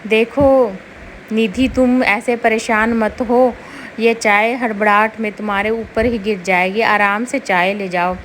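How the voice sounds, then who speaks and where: A woman voicing a kind young elder sister-in-law who gently comforts the new bride. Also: fairly high pitch, fairly even intonation, unhurried, a little hiss or hum. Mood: soothing. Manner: soothing, gentle.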